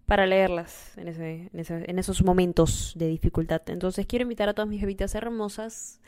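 Woman hosting her solo podcast, casual and affectionate, gets excited fast. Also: fairly low pitch. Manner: gushing, affectionate, easily excited. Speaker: podcast host.

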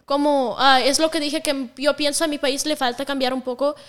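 Speaking at normal speed in a steady, high voice, a young woman from Russia talks openly as a guest in a casual interview. She is a native Russian speaker, and her speech is full of fillers.

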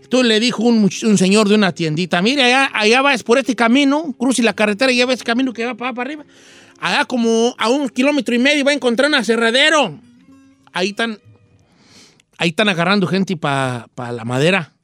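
A man's voice: very high-pitched, a little fast, a bit bright, dry recording. A man with a Mexican accent playing a folksy old rancher who hosts a radio show and tells a rambling, slangy joke, acting out voices and axe sounds. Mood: playful.

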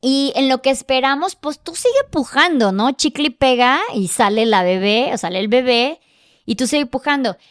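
A woman's voice: sits high, moderate pace, clean tone. A woman telling a personal story in casual podcast conversation, emotional and vivid, acting out the dialogue. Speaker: podcast guest.

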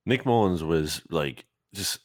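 A man's voice: sits low, lively intonation, slow pace, darkish tone, dry recording, clean studio sound. A man co-hosting a sports podcast in casual, conversational talk full of hedging asides. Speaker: podcast co-host.

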